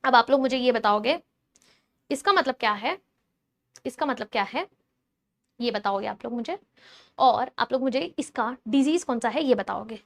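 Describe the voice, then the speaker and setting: A woman biology teacher giving a chatty, animated lecture, teasing and quizzing her students directly. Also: on the high side, moderate pace, vocal fry, long pauses.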